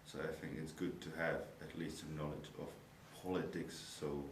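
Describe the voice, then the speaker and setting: Young Czech man, very deep flat voice, nonnative English, picks words carefully, echoey room with background noise. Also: moderate pace. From Czech Republic. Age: young adult. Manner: thoughtful, searching for words, nonnative phrasing. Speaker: university student. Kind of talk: interview answers about his studies. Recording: echoey room, noisy background, mic far off.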